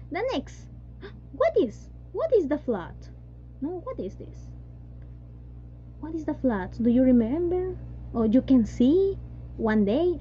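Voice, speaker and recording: High-voiced woman teaching online. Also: warm tone. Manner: mixes Spanish and English, repeats "yes" and "¿no?". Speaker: English teacher. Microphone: video call. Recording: dull lo-fi online call audio with faint hum.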